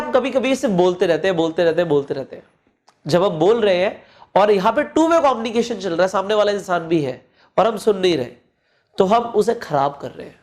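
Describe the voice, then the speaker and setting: A man teaching presentation skills, speaking in deliberate pauses and swinging his voice up and down to stress points. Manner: deliberate pauses and swings in pitch to show modulation; repeats phrases for emphasis, addresses listener directly. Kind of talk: coaching lesson mixing Hindi and English.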